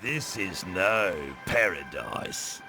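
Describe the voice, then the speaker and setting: An actor playing a weary old veteran assassin in a video game, solemn and fatalistic, with grave, ominous delivery. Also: male voice, deep voice, animated, heavily acted. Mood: solemn, foreboding. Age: older. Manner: grave, slow, ominous pronouncements. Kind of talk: dramatic video game acting. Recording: loud music over the voice.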